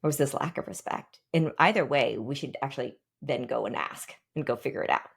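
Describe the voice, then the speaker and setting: A woman in her forties with a low voice leads a team workshop, thinking aloud and pausing between ideas. She checks in with the group with questions as she goes. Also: gravelly, husky. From Pacific Northwest, United States. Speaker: workshop guest speaker.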